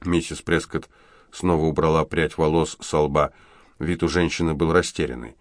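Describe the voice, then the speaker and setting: A man narrating an audiobook in an even, measured reading. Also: a bass voice, dry recording, clean studio sound. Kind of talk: scripted narration.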